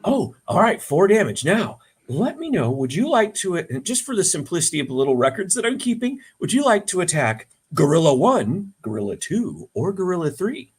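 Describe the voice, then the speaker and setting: Excitable husky-voiced man running a tabletop game. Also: high-pitched, normal speed, few pauses. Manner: excitable, whoops and cheers at hits. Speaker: game master.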